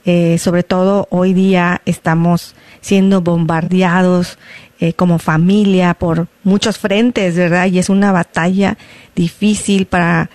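A woman leading a prayer and then hosting a faith-based interview in a measured, devout way. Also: on the low side, a little mellow, no echo.

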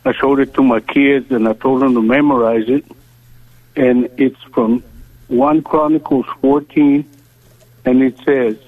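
A man's voice: medium pitch, fairly even intonation, no echo. Earnest man in his seventies on a phone line. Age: 70s. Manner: earnest, halting, slow. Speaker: caller. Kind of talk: call-in radio prayer request. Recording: tinny dry phone line.

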